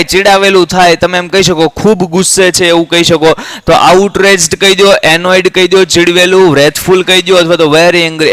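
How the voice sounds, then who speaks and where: A young man with a Gujarati accent, teaching English vocabulary to exam students, drilling words slowly and checking that they remember. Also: sits high, fairly bright tone, no room sound. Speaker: English tutor. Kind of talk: vocabulary lesson for exam prep.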